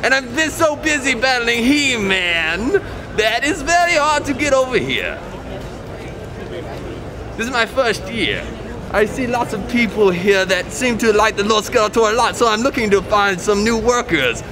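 A man's voice: extremely high pitch, lively intonation, moderate pace, background noise. A man in costume playing Skeletor, a boastful male villain, speaking in grand theatrical tones on a convention floor. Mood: grandiose. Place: convention hall floor, indoors. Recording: loud crowd and music in hall.

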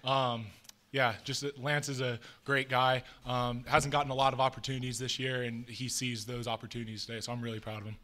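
Bright-voiced young quarterback at a press table. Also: male voice, mid-range voice, brisk, a little hiss or hum. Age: young adult. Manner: relaxed, modest, short answers with many ums. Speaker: college quarterback. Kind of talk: post-game press conference answers. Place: press room with logo backdrop. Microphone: table mic in front of him.

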